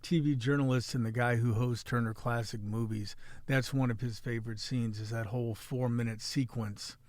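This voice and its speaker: A man's voice: mid-range voice, steady tone, moderate pace, a little mellow, dry recording. A middle-aged man with a Midwestern American accent, hosting a podcast with joking, rambling casual chat and a local news rundown. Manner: joking, chatty, rambling with restarts. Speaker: podcast host and city editor.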